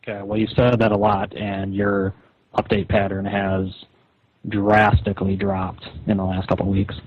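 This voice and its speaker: Heard through a muffled, echoey phone line with slight background noise, a man argues as a rival webcomic creator. He is blunt, condescending, and persuasive, speaking at a moderate pace in a lowish monotone.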